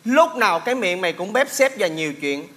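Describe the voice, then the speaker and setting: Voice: mid-range voice, very animated, brisk, pushed and bright. An actor playing an earnest grown child who reasons formally with the stepfather in a stage comedy sketch.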